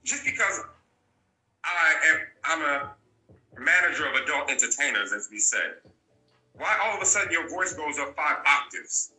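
A man's voice: on the high side, expressive, normal speed, sharp tone, echoey room, low-quality recording. A man talking as an interview guest, telling his story bluntly and repeating key points for emphasis. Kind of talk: candid storytelling.

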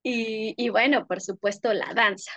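Effusive young woman, bright voice, dry sound. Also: fairly high pitch, fairly even intonation, measured pace, no echo. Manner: warm, effusive, sensory descriptions with frequent laughs. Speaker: podcast guest, workshop leader. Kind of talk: casual conversational interview.

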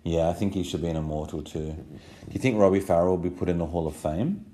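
Casting: Australian male podcast host, very deep register, simple patient chat with a small child, noisy home recording. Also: fast, dark tone, reverberant. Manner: simple, patient questions to a toddler.

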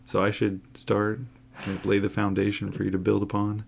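A man's voice: fairly low pitch, completely flat delivery, moderate pace, creaky, slight background noise. A man, co-hosting a casual podcast and joking around teasingly. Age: 40s. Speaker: podcast co-host.

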